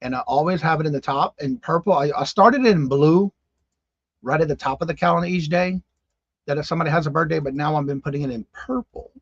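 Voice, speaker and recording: On his casual live-stream morning show, a man in his fifties reads out comments, greets viewers by name and exclaims in disbelief. He talks fast with a fairly high pitch, and the lo-fi recording has no echo.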